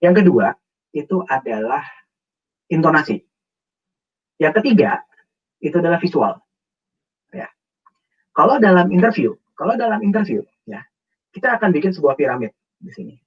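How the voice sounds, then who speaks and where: A man's voice: on the high side, moderate pace, pauses often, breathy edge, far from the mic, dull audio. A man speaking as a guest on a webinar, explaining job interview tips and acting out example phrasings. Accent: Indonesian. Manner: animated, acts out example phrasings.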